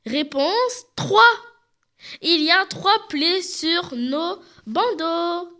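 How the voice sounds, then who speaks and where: A high-pitched woman with a bright, sharp tone hosts a product showcase and speaks slowly. She talks straight to the viewers and walks through each item in detail. She has a cold, so her voice sounds a little stuffy. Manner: addresses viewers directly, describes items in detail. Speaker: show host presenting products. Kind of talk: scripted product presentation.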